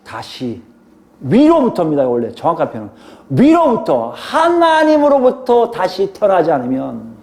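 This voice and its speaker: A man's voice: high voice, wildly swooping pitch, normal speed, darkish tone. A male pastor preaching a sermon, explaining scripture and putting questions to the congregation.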